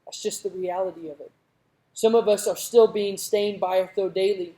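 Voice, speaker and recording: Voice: medium pitch, steady tone, normal speed, dark tone. A youth pastor preaching a sermon in a conversational way that rises to emphatic moments. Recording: roomy echoing hall.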